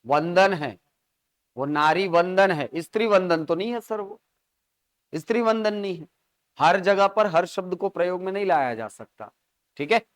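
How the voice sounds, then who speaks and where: Male coaching-class teacher, bright smooth tone, dry close sound, lectures with quick questions to the room. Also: sits high, dry recording. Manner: explains with examples and frequent rhetorical check-ins to the class. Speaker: Hindi grammar teacher.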